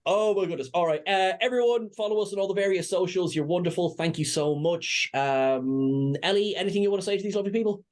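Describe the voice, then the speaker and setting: A man's voice: sits high, quick pace, few pauses. A man hosting a casual fan chat show, rambling and jokey with stammering restarts. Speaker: podcast host.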